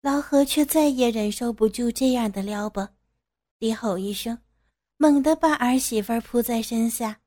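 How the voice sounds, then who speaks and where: Woman narrating an audio story, higher voice. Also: dark tone.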